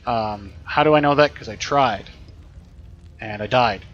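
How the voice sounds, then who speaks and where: A man's voice: mid-range voice, a little slow, fairly bright tone, highs cut off. Chatty man explaining while gaming. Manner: chatty and explanatory, thinking aloud. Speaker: teacher streaming gameplay. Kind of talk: casual gameplay commentary.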